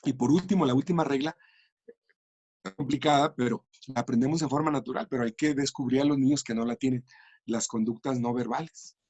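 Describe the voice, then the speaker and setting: A man's voice: mid-range voice, steady tone, fairly quick, darkish tone, husky, no echo. A man explaining language and communication in an interview, thoughtful and full of small restarts. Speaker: education and language researcher.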